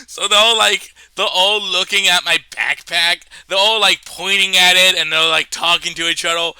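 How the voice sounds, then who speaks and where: A man with a stuffed-up nose telling a comedic personal story in a rambling, animated way, full of fillers and restarts. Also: high voice, moderate pace, clean tone, no room sound, poor audio.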